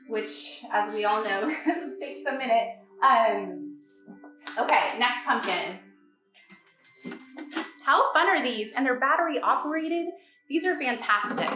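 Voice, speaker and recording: A woman's voice: fairly high pitch, expressive, a little slow, long pauses, very echoey, far from the mic, music in the background, rough recording. A woman hosting a live decorating tutorial, chatty and bubbly, laughing often as she works. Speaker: holiday decorator and host. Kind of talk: live-stream tutorial chat. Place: decorating studio.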